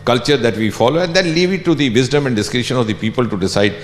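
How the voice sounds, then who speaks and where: A man's voice: medium pitch, fast talker. A man with an Indian accent speaking as a minister answering questions at a public discussion. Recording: very echoey hall.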